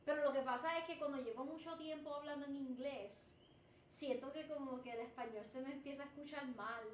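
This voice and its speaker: A Puerto Rican woman with Spanish as her first language and a slight, Americanized accent chats casually and playfully as a livestreamer, reading and answering her chat. Her high voice moves fast, expressive and playful, slipping into Spanish now and then. The room is echoey, with slight background noise.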